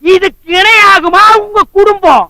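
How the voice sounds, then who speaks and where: A broke, boastful drunkard of a husband, all sarcasm and loud mockery in a film comedy. His voice sits very high and sounds intensely bright and sharp, with a dry, close sound. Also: unhurried, no echo, full character voice, poor audio. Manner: sarcastic, mocking, loud insults. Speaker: comic actor.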